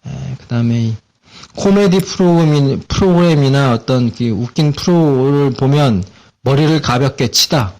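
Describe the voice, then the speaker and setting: This casual English vocabulary lesson comes from a man with a Korean accent and a mid-range voice at a moderate pace. He's relaxed, with many fillers and repeated words.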